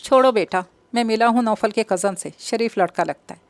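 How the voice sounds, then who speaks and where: A woman reading the part of a gentle older father in an audio novel, reassuring his daughter. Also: fairly high pitch, a little fast, no echo, close to an everyday voice.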